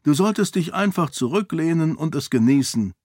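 A man's voice: on the high side, animated, normal speed, a little mellow, husky, no room sound, studio quality, pitched above the performer's own voice. A man voicing a huge, sarcastic man who grumbles dryly.

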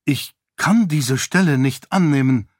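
A man's voice: on the high side, unhurried, no room sound, clean studio sound, pitched above the performer's own voice, close to an everyday voice. A man doing a nervous, humble priest. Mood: hesitant. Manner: deferential, hesitant. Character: humble, strong male priest, torn and nervous.

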